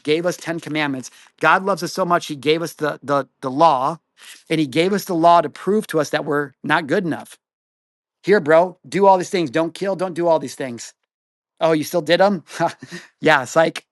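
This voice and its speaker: A young man talking about his faith on a podcast, casual and slangy, speaking in quick bursts with frequent restarts. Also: a little high, a bit bright, no room sound, studio quality. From Mexico. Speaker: podcast guest sharing his faith testimony. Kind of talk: animated faith talk.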